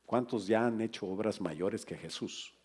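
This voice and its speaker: A middle-aged pastor delivers a lively sermon to his congregation in church, mixing in humor and asides to his listeners. He speaks in a lowish voice at a measured pace.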